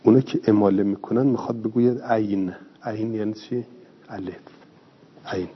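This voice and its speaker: A man's voice: lowish voice, steady tone, breathy edge. A man teaching a classroom lesson, explaining step by step and answering his own questions. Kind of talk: classroom lecture. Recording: dull lo-fi recording in a reverberant hall.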